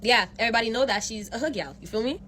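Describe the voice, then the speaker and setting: A woman hosting a reaction video, chatting in a lively, playful way and breaking into laughter. Her voice sounds bright and her pace is fast, with a faint hiss underneath. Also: a little high. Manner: animated, playful, quick to laugh. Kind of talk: casual reaction commentary.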